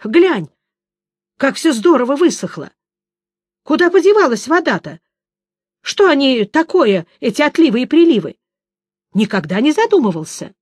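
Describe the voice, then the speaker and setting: A woman reading aloud voices a chatty, excitable male bard who talks on and on. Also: mid-range voice, slow, no room sound, clean studio sound.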